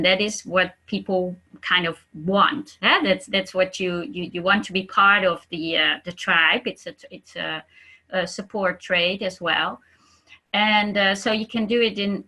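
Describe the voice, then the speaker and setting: A woman's voice: medium pitch, bright, forceful tone, rough recording. A woman, co-hosting and explaining ideas hesitantly, with many fillers. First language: Dutch. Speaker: co-host. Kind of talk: explaining a concept.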